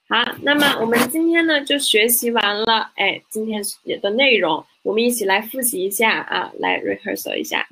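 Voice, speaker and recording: Patient woman teacher, bright husky voice, repeats every example, slips into English to explain. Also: medium pitch, low-quality recording. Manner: patient, repeats each example, frequent "hai" fillers. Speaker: Chinese teacher. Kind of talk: online language lesson.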